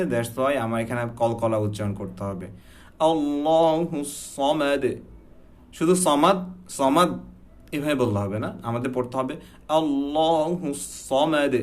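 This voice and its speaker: Man, recitation teacher, patient, slow repeated demonstrations, English words mixed in. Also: medium pitch. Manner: mixes English words into his talk. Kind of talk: explanatory lesson.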